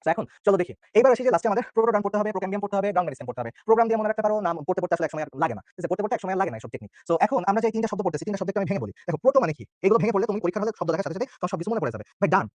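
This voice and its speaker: Rapid-fire high-voiced young tutor. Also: male voice, sing-song, darkish tone, no room sound. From Bangladesh. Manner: chatty, joking, keeps checking in with students. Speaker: biology tutor. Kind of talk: online exam-prep lecture.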